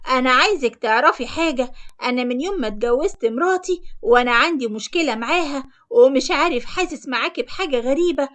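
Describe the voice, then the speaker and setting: A pleading, persuasive married man caught up in an affair, as a woman reader puts him on, speaking Egyptian Arabic in a cartoon storybook. The voice stays high and light for a man, and the lines come out earnest and coaxing. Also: animated, fast talker, a bit bright. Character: insistent married man, smitten suitor. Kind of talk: storybook narration acting.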